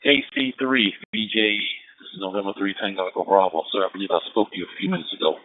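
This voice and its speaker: A man's voice: sits low, fast. A man, an amateur radio operator, talking over a radio link with call-sign procedure and many fillers. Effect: heard over a radio link. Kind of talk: ham radio contact. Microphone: wireless headset. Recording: tinny narrow radio audio with faint noise.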